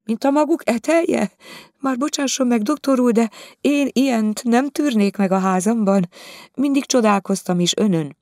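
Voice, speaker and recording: A man voicing a shrill, tearful, demanding middle-aged woman, high-pitched and pleading in an audiobook. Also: darkish tone, dry recording, clean studio sound. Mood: indignant. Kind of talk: audiobook character voice.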